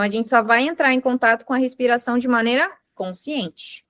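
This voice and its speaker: A woman's voice: on the high side, fairly bright tone, no echo, clean studio sound. A woman teaching mindfulness to a live group, patiently explaining with everyday examples and asking the class questions. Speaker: mindfulness instructor. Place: indoor room with a live group.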